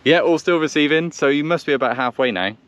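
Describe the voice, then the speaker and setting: This man's voice is fairly high-pitched, fast and a bit bright, recorded with lo-fi sound, no echo and noisy vehicle sounds around him. In his casual countryside vlog by a vehicle, he hesitates and thinks aloud as he talks to the camera and checks in over a radio.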